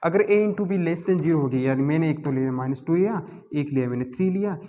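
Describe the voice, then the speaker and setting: A man's voice: a little high, fairly quick, dark tone. A male math teacher, giving a classroom lecture and constantly asking and answering his own questions. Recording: long hall reverb.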